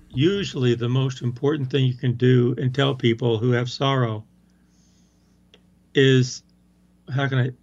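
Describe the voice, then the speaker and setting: A man's voice: mid-range voice, highs cut off. A man in casual conversation about a film, stressing his opinions and repeating his key points. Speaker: co-host discussing a film. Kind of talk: casual chat.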